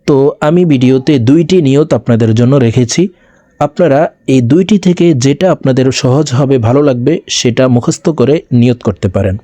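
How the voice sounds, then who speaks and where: A man teaching viewers to recite a fasting intention, speaking slowly and drawing out each phrase for them to repeat. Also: mid-range voice, mellow, no room sound. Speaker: religious teacher. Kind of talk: slow recitation lesson.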